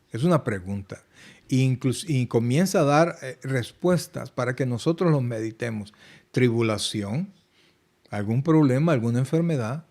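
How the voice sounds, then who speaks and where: A man's voice: mid-range voice, dark tone. A male pastor preaching an online Bible study sermon, fervent and emphatic, often turning to address his listeners directly. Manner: quotes worried congregants in a put-on plaintive voice. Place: church streaming an online service.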